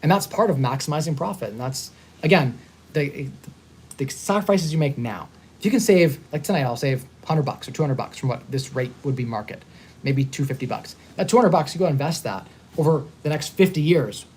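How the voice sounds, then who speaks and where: A man in his thirties hosting a casual live stream, upbeat and talking in quick bursts with frequent restarts. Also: a little high, animated, darkish tone, husky. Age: 30s. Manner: fast-talking, upbeat, repeats and restarts words. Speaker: host. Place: hotel.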